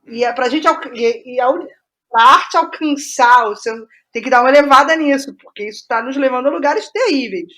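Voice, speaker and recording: A Brazilian playwright, appearing as a guest in a casual interview, speaks in a digressive, halting way and often restarts her words. Her voice is high and fairly bright.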